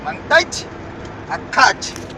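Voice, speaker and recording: A man's voice: slow, natural voice. A man acting out a possessed young man, eerie and mocking in a noisy car. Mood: menacing.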